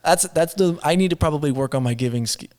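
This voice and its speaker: A young dad with a slightly high voice co-hosts a casual podcast. He tells stories with energy and slips into quoted voices as he goes. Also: fast. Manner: animated, acts out quotes in voices. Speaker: podcast co-host. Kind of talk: casual storytelling chat.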